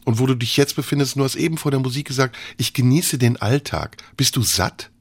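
A man's voice: mid-range voice, a little fast, slightly rough, dry recording. A man hosting a radio interview, asking probing, thoughtful questions. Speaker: radio host. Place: radio studio. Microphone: studio microphone.

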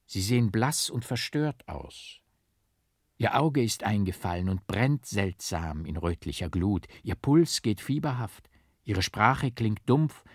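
A man voicing a brisk, cryptic male court physician who talks in a calm, knowing, chatty way. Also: fairly low pitch, no echo, studio quality, heavily acted. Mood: concerned.

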